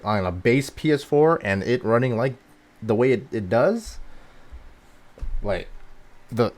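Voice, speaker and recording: A man co-hosting a gaming news podcast, talking in an excitable, rambling way with many fillers. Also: lowish voice. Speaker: podcast co-host. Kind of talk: casual chat.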